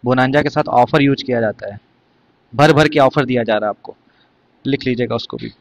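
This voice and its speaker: A man's voice: mid-range voice, brisk, gravelly, no echo. A man teaching an exam vocabulary lesson, explaining words one by one and quizzing his students.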